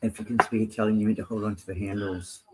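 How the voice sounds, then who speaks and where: A man's voice: lowish voice, little pitch movement, quick pace, fairly bright tone, breathy edge. A man making casual, offhand remarks in chat, heard at a distance from the microphone.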